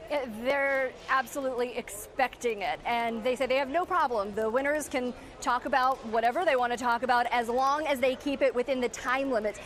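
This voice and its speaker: An American woman giving a live entertainment news report as a TV reporter, explaining things in a chatty, animated way. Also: high-pitched, brisk, few pauses. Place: outdoors on a covered red carpet.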